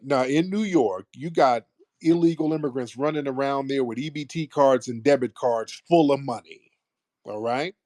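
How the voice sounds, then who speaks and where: A man's voice: medium pitch, normal speed, a little mellow, dry recording, studio quality. An American man hosting a casual call-in debate, assertive and probing as he talks. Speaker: host of a live call-in talk show.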